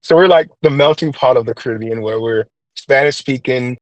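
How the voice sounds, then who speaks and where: In a quick, medium-pitched voice, a young man from Trinidad answers interview questions about his life, earnestly reflective and prone to fillers and restarts. His Trinidadian accent is light. The recording lacks room sound and comes across muffled.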